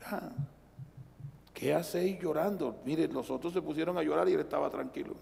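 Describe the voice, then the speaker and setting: Gravelly high-pitched Colombian pastor preaching. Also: male voice, moderate pace. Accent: Colombian Spanish. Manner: swings from loud preaching to low, quiet asides. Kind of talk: live sermon. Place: church sanctuary. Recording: reverberant church livestream.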